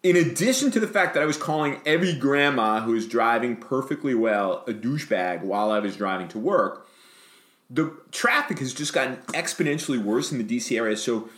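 A middle-aged man co-hosting a podcast in casual chat, animated and self-mocking, cursing when he rants. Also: medium pitch, moderate pace, reverberant. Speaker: podcast co-host.

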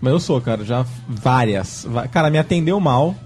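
A man's voice: mid-range voice, lively intonation, moderate pace, a little mellow, faint music behind. A man in casual chat among friends, bragging bluntly and swearing casually.

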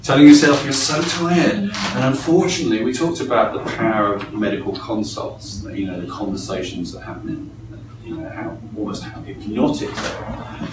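A man leading a live coaching training for a group, lively and engaging, often acting out voices. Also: on the low side, normal speed, noisy background. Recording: echoey room from a distance.

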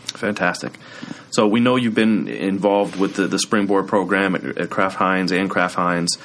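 A man hosts a business podcast in a low, steady, slightly bright voice at normal speed. He asks questions and offers short, upbeat acknowledgments.

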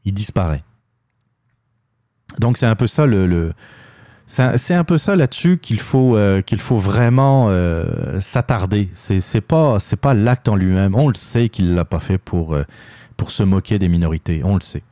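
A man's voice: fairly low pitch, animated, a little slow, mellow, no room sound. Dry-voiced Québécois man commenting. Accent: Québécois French. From Quebec. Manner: hesitant, many fillers and restarts. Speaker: political commentary host. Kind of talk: opinion monologue.

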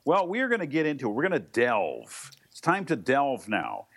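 A man's voice: medium pitch, huge pitch swings, normal speed, a bit bright. A man co-hosting a talk radio show in a casual, rambling conversational way.

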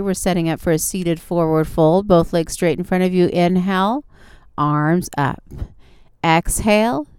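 Female yoga teacher, encouraging step-by-step instruction, exceptionally clear tone, close dry sound. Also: lowish voice, a little mellow, dry recording. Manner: encouraging, short step-by-step cues. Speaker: yoga instructor and show host. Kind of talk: guided yoga class instruction.

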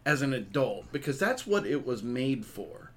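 A man's voice: medium pitch, big pitch swings, moderate pace. A man chatting casually as a podcast co-host, rambling with lots of fillers and laughing often. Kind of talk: casual chat.

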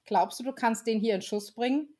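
Woman doing a calm motherly Mrs. Christmas. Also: on the high side, normal speed, husky. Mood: gentle.

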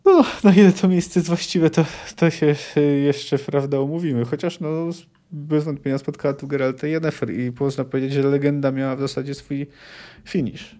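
A man hosting a book podcast, reading passages aloud and then commenting in an unhurried way that thinks aloud. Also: fairly high pitch, steady tone, dark tone. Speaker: podcast host reading and discussing a novel.

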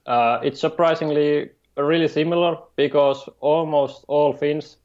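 A man from Finland with a Finnish accent, a game designer speaking as a guest in an interview, halting and hesitant, with many fillers. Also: a little high, fairly even intonation, darkish tone, dull audio. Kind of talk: remote interview.

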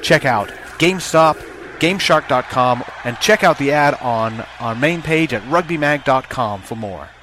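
A man's voice: mid-range voice, animated, normal speed, a bit bright, slight background noise. A man reads a scripted hard-sell promotional advert as an announcer, urging listeners to buy.

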